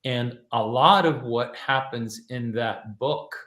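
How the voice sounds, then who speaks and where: A man from Cuba talks as an interview guest, relaxed and reflective. He pauses often and fills the gaps with soft fillers, at a middle pitch. His voice echoes in a roomy space. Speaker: guest author and teacher. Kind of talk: casual interview chat.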